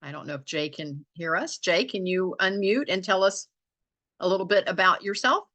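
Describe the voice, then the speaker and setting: A woman's voice: fairly low pitch, normal speed, a bit bright. A woman hosting an online group meeting on a video call, friendly and encouraging as she calls on people. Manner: friendly, encouraging, laughs easily.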